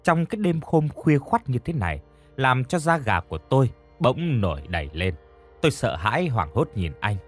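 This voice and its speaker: A man narrating an audiobook in the first person, with expressive storytelling. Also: mid-range voice, moderate pace, breathy edge, soft background music.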